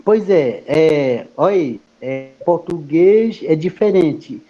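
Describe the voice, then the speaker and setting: A man whose first language is Kayapó speaks in Portuguese as a guest in a study group meeting. He explains slowly and haltingly, repeating words between many fillers. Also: on the high side, expressive. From Brazil. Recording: muffled lo-fi recording.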